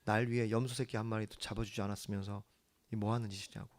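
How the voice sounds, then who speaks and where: A man preaching a sermon as the church's pastor, earnest, swinging from hushed lines to emphatic ones. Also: on the low side, little pitch movement, quick pace.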